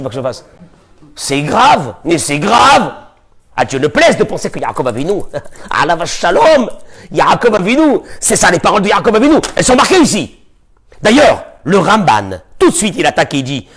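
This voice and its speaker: A man who is a rabbi, giving a lively sermon, with sudden shouts and low asides. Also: husky. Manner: animated, shifts between shouting and muttering.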